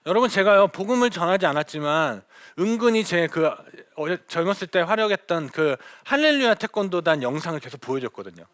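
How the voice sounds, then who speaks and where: A middle-aged man, a missionary, telling stories to an audience in a lively lecture, acting out the dialogue. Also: high voice, fairly quick, hardly any pauses, dry recording. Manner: animated storyteller, acts out quoted dialogue.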